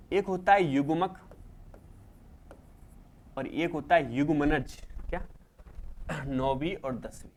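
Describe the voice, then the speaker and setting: A man with a Rajasthani Hindi accent teaching a class, lively and repetitive, asking students questions and answering them himself. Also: fairly high pitch. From India. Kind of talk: classroom lecture.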